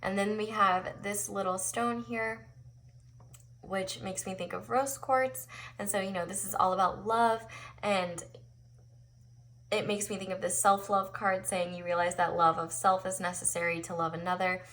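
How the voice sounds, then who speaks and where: Girl doing a tarot reading, bright clear-cut voice, chatty and encouraging, talking right to viewers. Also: medium pitch, fairly even intonation, normal speed. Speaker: tarot reader hosting an online pick-a-card reading. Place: indoors at a tabletop, overhead camera on the cards.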